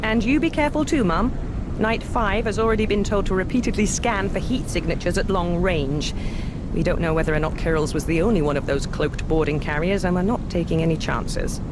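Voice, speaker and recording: A woman's voice: a little fast, natural voice. A woman playing a capable, candid female officer in a video game, conversational and self-assured. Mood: concerned. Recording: distant voice over vehicle rumble. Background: aircraft engine rumble.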